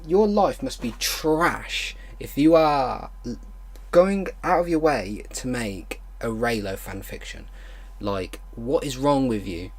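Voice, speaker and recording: Hosting an online video, a man with a medium-pitched voice reads fan fiction aloud haltingly. He breaks in with exasperated, disbelieving commentary.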